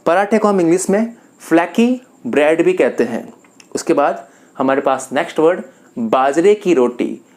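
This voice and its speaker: A man from Rajasthan teaching a vocabulary lesson, calmly going through a word list and repeating each term. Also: fairly high pitch, normal speed. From Rajasthan, India. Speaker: English teacher.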